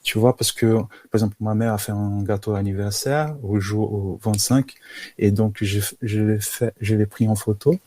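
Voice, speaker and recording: A man from Brazil speaking French with a Brazilian accent, a guest in an interview who talks haltingly with many restarts. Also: lowish voice, steady tone, mellow. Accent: Brazilian Portuguese. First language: Portuguese. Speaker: guest photographer. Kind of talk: casual interview talk.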